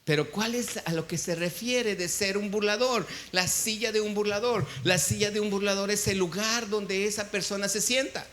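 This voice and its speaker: A man's voice: high voice, normal speed, hardly any pauses, fairly bright tone, slight background noise. A man with a Mexican accent preaching a sermon in a church as pastor, stopping often to quiz the congregation and have them call back the answers. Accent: Mexican Spanish. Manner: quizzes the congregation, call-and-response.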